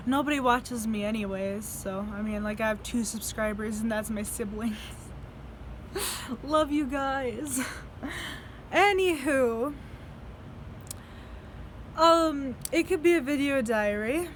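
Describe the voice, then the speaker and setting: There's a faint hiss or hum behind this young American woman, whose slightly high voice moves slowly with frequent pauses. She's a vlogger telling rambling stories in a laid-back video diary, cursing freely and laughing often between lines.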